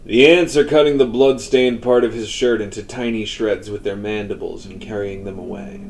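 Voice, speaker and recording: A man narrating a scripted horror story in a measured way, often dropping to a hushed tone. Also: fairly low pitch, fairly even intonation, a little hiss or hum, poor audio.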